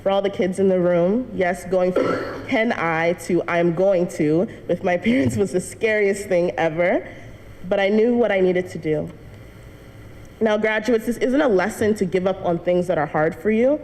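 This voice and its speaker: A young woman addresses her church congregation as a student speaker, earnestly telling her personal story and laughing lightly. She has a slightly mellow, mid-range voice at a normal speed. The church hall recording carries long reverb and a faint noise floor.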